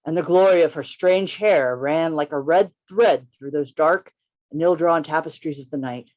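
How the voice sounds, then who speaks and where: A man's voice: on the high side, moderate pace, darkish tone, lo-fi sound, lightly acted. A man reading the part of a witty, chivalrous poet who narrates his own adventure in a radio play, in formal, theatrical language over a video call. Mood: wistful narration.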